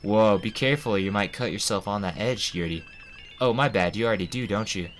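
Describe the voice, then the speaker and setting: A feisty, bratty teenage girl from a visual novel game, read aloud by a man in a snappy, mocking voice. The tone sits a little higher than his usual voice, but it stays low overall. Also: fairly quick, slight background noise, close to an everyday voice.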